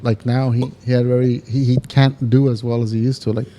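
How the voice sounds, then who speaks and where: A man co-hosting a podcast, chatting in a relaxed, easygoing way. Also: medium pitch, a little fast. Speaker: podcast co-host. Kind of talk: casual chat.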